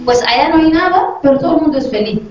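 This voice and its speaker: A middle-aged Western Saharan dentist speaks to a class of children in a high, expressive voice, talking fast, friendly throughout and asking questions to check they're following. The recording is dull and lo-fi, very echoey, with her far from the mic.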